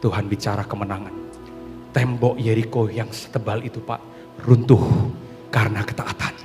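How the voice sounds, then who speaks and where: A man's voice: on the low side, steady tone, normal speed, a little mellow. A man pastor preaching a dramatic sermon to a congregation, often calling out to his listeners as "sir". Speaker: pastor giving a testimony sermon. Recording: long hall reverb with faint music.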